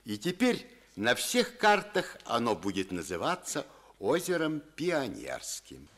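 An actor playing an expressive, declaiming captain in a radio play. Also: male voice, mid-range voice, measured pace, full character voice. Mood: earnest storytelling. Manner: expressive storytelling read-aloud. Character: captain reading a letter aloud, then shouting orders.

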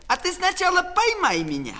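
A man's voice: very high voice, huge pitch swings, normal speed, pushed and bright, long reverb tail, slight background noise, pitched above the performer's own voice, exaggerated voice. A man doing a cheeky little boy. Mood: teasing.

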